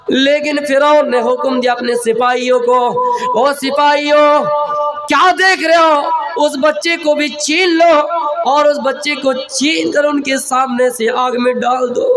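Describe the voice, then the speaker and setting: A male preacher giving an emotional, drawn-out sermon that tells a story. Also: very high-pitched. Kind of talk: Islamic sermon. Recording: crowd audible behind.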